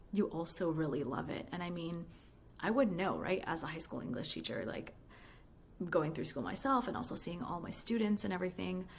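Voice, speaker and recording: A woman with a lowish voice and vocal fry muses aloud in a casual, chatty monologue like a voicemail, with slight background noise. She's a high school English teacher and book fan, conversational and leaning heavily on fillers like "like" and "you know."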